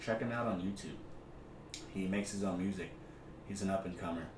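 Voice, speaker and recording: A man's voice: low-pitched, fairly quick. A man co-hosting a sports podcast in loose, unpolished chat, blunt and slangy with swearing. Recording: distant, echoey room with clear noise.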